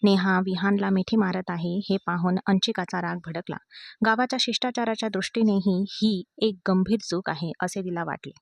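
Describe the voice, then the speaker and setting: A woman reading a story aloud in a steady, expressive way as a storyteller. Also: medium pitch, moderate pace, vocal fry, no room sound. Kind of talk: scripted story narration.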